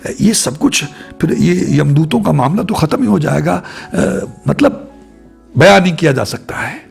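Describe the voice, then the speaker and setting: A man's voice: a little high, expressive, unhurried, creaky, breathy edge, soft background music. A man giving a reflective spiritual talk to his viewers, repeating phrases in long lists. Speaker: spiritual speaker.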